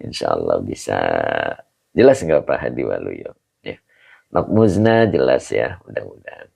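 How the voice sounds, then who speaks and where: A man with a hoarse, very deep voice teaching a live online class as an Islamic teacher, explaining patiently and tagging phrases to his listeners. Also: wildly swooping pitch, moderate pace, mellow. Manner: explains patiently, ends phrases with "begitu, Pak". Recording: dull lo-fi livestream audio.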